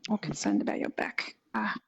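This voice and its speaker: A woman whispering a healer's part in a roleplay, with a breathy whisper and a soft, concerned, gentle manner. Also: brisk, no room sound, dull audio.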